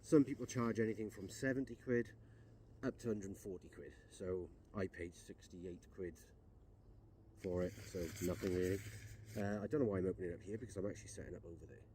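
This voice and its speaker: A man's voice: sits low, a little fast, dark tone, slight background noise. A man casually vlogging to camera outdoors in the woods, chatty and self-mocking as he sets up a tent. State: out of breath. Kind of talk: casual camping vlog.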